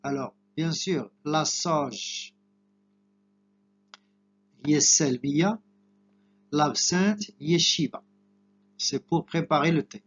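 A man with a Moroccan accent teaching an exam preparation lesson, explaining slowly and glossing words in Arabic. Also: fairly high pitch, fairly bright tone, breathy edge, highs cut off. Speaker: French teacher.

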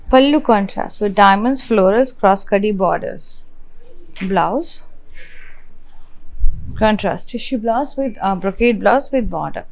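A woman's voice: medium pitch, darkish tone, a little hiss or hum, rough recording. A woman with a Telugu accent presents products on a live shop sale, listing details item by item in short, clipped phrases.

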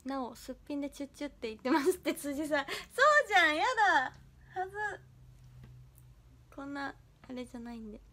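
Fast-talking and a bit bright, with a voice that sits high, a young idol livestreamer reads her viewers' comments and giggles, chatting with them bashfully and playfully.

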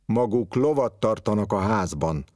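A man's voice: lowish voice, animated, darkish tone, no echo, studio quality, close to an everyday voice. A man voicing a stern, pompous police investigator in a read-aloud story, speaking in an official, strict tone.

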